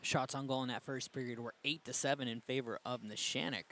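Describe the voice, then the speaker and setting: Man, hockey play-by-play, even mid voice, quick calls, faint background hiss. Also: mid-range voice. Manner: brisk, rises in excitement on goals. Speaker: play-by-play announcer.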